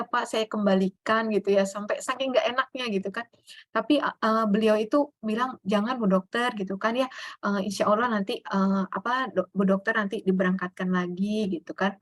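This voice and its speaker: A woman's voice: medium pitch, no echo. A woman speaking, telling her personal story in a casual, chatty way with many fillers and light laughs.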